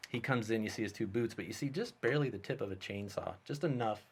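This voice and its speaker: Brief: lower-voiced male guest, lively casual storyteller. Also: fast talker, slight background noise. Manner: animated, vivid storyteller. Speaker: guest, special effects artist and filmmaker.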